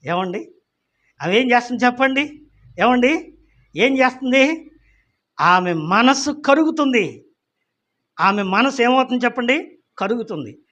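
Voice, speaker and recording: High-pitched pastor preaching, keeps asking the crowd questions, slows way down for scripture. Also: male voice, expressive, fairly bright tone, lo-fi sound. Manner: calls out questions to the congregation, repeating "ఏమండి?"; slows right down to read scripture. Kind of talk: sermon.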